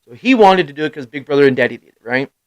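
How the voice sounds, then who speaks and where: A man in his thirties, a live stream host, telling rambling stories in casual chat, swearing freely and laughing at himself, with loud bursts when he gets worked up. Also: a little high, expressive, very fast, no room sound, lo-fi sound. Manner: rambling storyteller with sudden loud outbursts.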